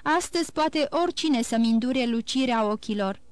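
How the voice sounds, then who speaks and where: A woman's voice: on the high side, animated, clear, resonant tone, dry recording, lightly acted. A woman voicing a grieving, guilt-ridden woman near forty who pleads sorrowfully and blames herself, read from an audiobook. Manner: sorrowful, self-reproaching pleading. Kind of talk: audiobook character reading.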